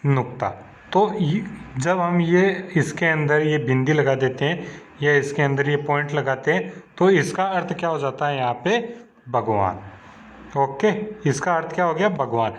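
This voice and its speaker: A man's voice: on the high side, moderate pace. A man teaching a lesson to children, asking questions and answering them himself in a patient, repetitive way. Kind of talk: slow classroom explanation to children. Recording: dull lo-fi recording.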